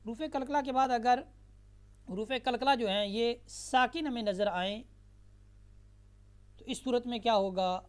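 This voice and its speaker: A woman teaching a tajweed lesson. She moves between slow, drawn-out chanted recitation and brisk spoken explanation, and repeats words patiently for the learner. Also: on the high side.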